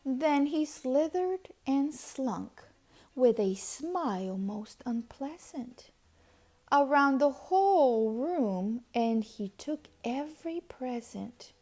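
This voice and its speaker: A woman reading a children's storybook aloud in an expressive, deliberate, dramatic way, hushed at times. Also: high voice. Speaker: storybook reader.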